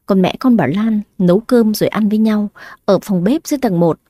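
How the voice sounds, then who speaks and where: A woman's voice: medium pitch, fairly quick, mellow, dry recording, studio quality. A woman narrating a family drama story, reading it in a scripted, emotional way.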